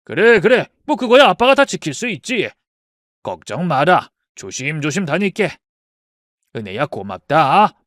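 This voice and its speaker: A man's voice: a little high, very animated, measured pace, a bit bright, no room sound, studio quality. An actor voicing a cheerful, stubborn retired father in his sixties, coaxing his worried daughter in a dramatized story. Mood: fond.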